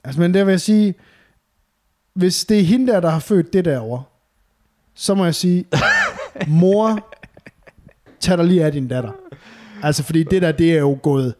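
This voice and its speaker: Slangy man with a higher-pitched voice. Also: pauses often, darkish tone. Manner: slangy and sweary, with English slang mixed in. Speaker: podcast co-host. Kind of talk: casual banter.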